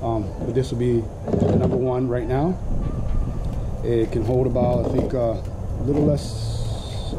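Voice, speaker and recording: A man in his thirties casually reviewing fishing gear outdoors in a backyard, talking with frequent fillers as he holds up each item. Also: mid-range voice. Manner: relaxed, many "um" fillers, explains gear while holding it up. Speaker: kayak fishing vlogger.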